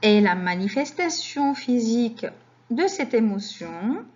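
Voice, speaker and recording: A woman teaching French vocabulary, speaking slowly and repeating example sentences for learners. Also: on the high side, very animated, a little mellow, highs cut off. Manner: slow and deliberate, repeats words for learners.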